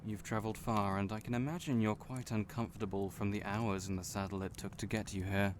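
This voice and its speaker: Against a loud backdrop of storm and crackling fire, a man voices a young fantasy innkeeper who teases and chats directly with the listener in a genial, playful way. His pitch is fairly low and his intonation fairly even, and he delivers the lightly acted lines briskly.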